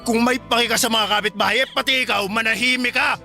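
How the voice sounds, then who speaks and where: A bullying, hot-tempered husband in a radio drama, who sneers and shouts threats at his wife and daughter. The voice sits very high for a man and rings very bright and sharp. Soft music plays under the scene. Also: fairly even intonation, fast, creaky, exaggerated voice. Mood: threatening, angry.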